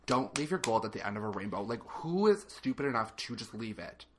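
A woman chats as a podcast co-host with a strikingly low voice. Her delivery is informal and animated, with big swings in intonation. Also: fairly quick. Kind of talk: casual podcast banter.

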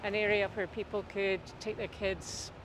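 A woman interviewing casually for a podcast out on a street, chatting and thinking aloud in a mid-pitched voice. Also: level tone, moderate pace. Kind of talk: casual conversational interview on the move. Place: outdoors on a busy city street. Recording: outdoor recording with clear traffic noise. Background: traffic and street noise.

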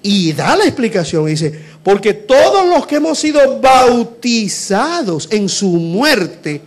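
Man, preacher, sermon, high voice, big pitch swings, rhetorical questions. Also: slow. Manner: animated, rhetorical questions, swings from shouting to hushed.

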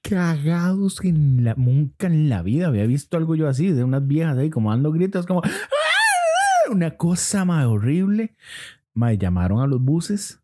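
Lively Costa Rican man trading stories. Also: a little high, brisk. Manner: animated, slangy, with sudden outbursts. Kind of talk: casual storytelling chat.

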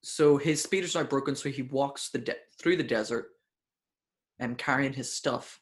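An excitable man co-hosting a casual podcast, stammering through restarts and cursing as he reviews an episode. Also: medium pitch, moderate pace. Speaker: podcast co-host.

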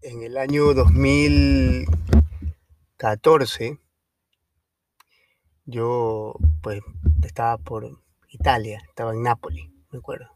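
A man hosting his own podcast, telling a travel story in a casual, lively way with fillers and the odd swear word. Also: medium pitch, takes it slowly, long pauses. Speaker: podcast host.

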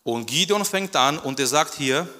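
A man preaching a sermon in an animated way, repeating phrases for emphasis and acting out the quotes. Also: a little high, moderate pace. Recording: long hall reverb.

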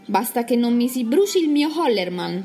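A woman's voice: a little high, big pitch swings, moderate pace, dark tone, faint music behind. A woman voicing a fearless, cocky young man in a children's storybook, speaking in a brash, scolding and mocking way. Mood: bold.

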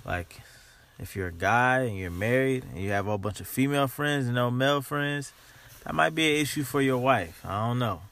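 A man's voice: mid-range voice, a bit bright. A man hosting a motivational podcast, talking informally and emphatically, repeating key phrases and stretching words to drive them home.

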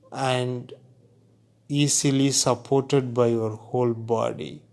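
Very slow, calm man guiding meditation. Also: mid-range voice. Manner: unhurried, deliberate delivery with long pauses between short phrases. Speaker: guided meditation instructor. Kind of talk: guided relaxation narration.

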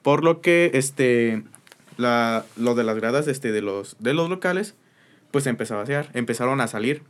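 A man in a casual chat, recounting a story in a halting, stumbling way. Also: mid-range voice, expressive.

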